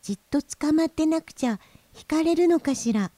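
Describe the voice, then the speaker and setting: A woman's voice: high voice, animated, normal speed, dark tone, no room sound, voice pushed up. A woman voicing a small timid boy goldfish who asks anxious questions. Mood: worried.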